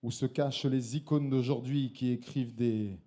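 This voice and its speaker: A little beer-tipsy, this co-host and slam poet delivers his piece on stage to a live crowd, laughing and joking between verses. He speaks at a moderate pace in a mellow, steady, mid-range voice.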